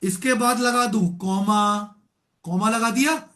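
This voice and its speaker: A man's voice: high-pitched, takes it slowly, pushed and bright, roomy sound. A man teaching a live online Excel class, often calling his students "beta" and checking that they follow.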